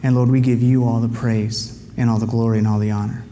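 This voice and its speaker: A man's voice: medium pitch, level tone, a little fast, mellow. A man giving a candid, confessional personal testimony and prayer as a guest speaker at a men's gathering. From United States. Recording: long hall reverb, faint background noise.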